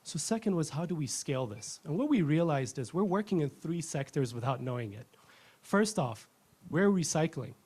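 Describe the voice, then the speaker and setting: A man in his thirties from Ethiopia, giving a rehearsed pitch as a company founder in an earnest, fluent way. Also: lively intonation, moderate pace, a little mellow, husky.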